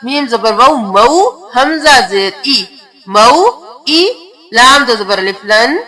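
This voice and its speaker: A woman teaching Quran recitation, rattling off quick letter-by-letter explanations and then reciting words slowly in a drawn-out melodic way. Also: fairly high pitch, sharp tone, poor audio.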